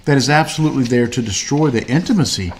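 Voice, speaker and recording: A man's voice: mid-range voice, quick pace. A man co-hosting a casual faith-based chat, talking in a rambling way with many fillers and restarts. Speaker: podcast co-host.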